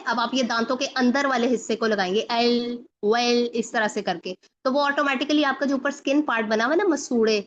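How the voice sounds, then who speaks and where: A woman teaching Quran recitation, explaining step by step and slowly reciting example words for her students. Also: fairly high pitch, a bit bright. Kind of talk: recitation lesson. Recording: slightly dull lo-fi recording.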